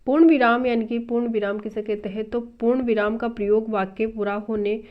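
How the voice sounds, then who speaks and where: A woman's voice: a little high, fairly even intonation, brisk. Woman teaching grammar on a dull recording. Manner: patient step-by-step explaining, repeating terms. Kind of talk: explaining a lesson from a textbook.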